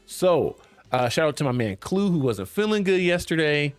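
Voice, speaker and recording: A man's voice: on the high side, big pitch swings, normal speed, clean tone, no room sound, soft background music. A young man hosting a casual gaming stream, chatty and laid-back, talking while his voice is worn. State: losing his voice. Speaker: streamer host.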